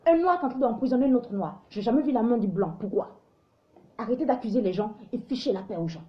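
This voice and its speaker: A woman's voice: on the high side, lively intonation, fast, muffled recording. A woman from Africa hosting a live show, giving opinionated commentary in an emphatic, preachy way that often stumbles and restarts.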